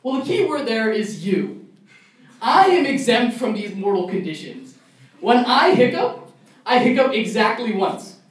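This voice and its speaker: A man's voice: very high-pitched, big pitch swings, a little slow. A young man doing a stand-up comedy set at a college club show, ranting in mock outrage. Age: young adult. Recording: echoey room, mic far off, faint noise.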